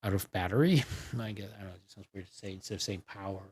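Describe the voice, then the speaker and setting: A man streaming a game, making relaxed, wry asides between lines. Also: low-pitched, racing, breathy edge, no echo. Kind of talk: let's play commentary.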